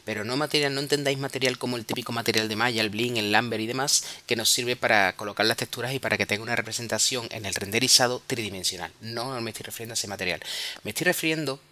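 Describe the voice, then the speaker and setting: A Spanish man with a Spanish accent walks through software step by step in a screen-recorded tutorial, frequently correcting himself and checking in with tag questions. He speaks quickly in a mid-range voice.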